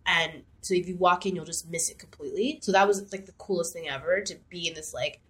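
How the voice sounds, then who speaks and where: Young woman podcast co-host, low-ish voice, rambling casual storyteller. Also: fast, fairly bright tone. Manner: rambling, many fillers and restarts. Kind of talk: casual chat.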